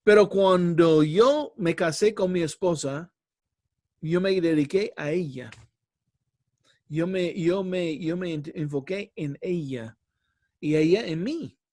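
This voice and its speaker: Earnest man preaching slowly in a church hall, dry close sound. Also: fairly high pitch, darkish tone. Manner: earnest, addresses listeners as brothers. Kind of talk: sermon.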